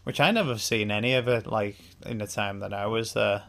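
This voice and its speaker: English man, gravelly voice, relaxed music chat, podcast co-host. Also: lowish voice, a little fast. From England. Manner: relaxed, explains music trivia patiently. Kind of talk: casual album commentary.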